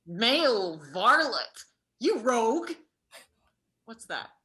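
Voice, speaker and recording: A woman's voice: fairly high pitch, big pitch swings, takes it slowly, sharp tone, exaggerated voice. A woman playing a touchy, indignant young male companion in theatrical Shakespearean stage acting.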